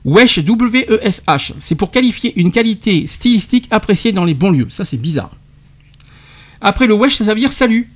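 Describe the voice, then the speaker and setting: Un animateur de radio qui interroge son invité en expliquant de l'argot, avec entrain et des rires. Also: male voice, high-pitched, expressive, a little fast. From France. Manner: quizzing, explaining slang terms with laughs. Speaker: radio show host. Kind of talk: radio debate segment.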